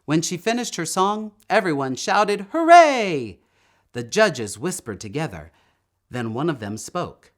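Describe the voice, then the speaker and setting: Here a man with a fairly high pitch reads a kids' story aloud. He plays the storybook reader, expressive and measured throughout.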